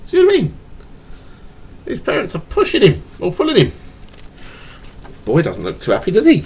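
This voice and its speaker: Here a man with a high-pitched, slightly mellow voice reads his child a bedtime picture book, his pitch swinging hugely at a moderate pace. His stutter makes him stumble and repeat words, and the home webcam recording sounds slightly rough.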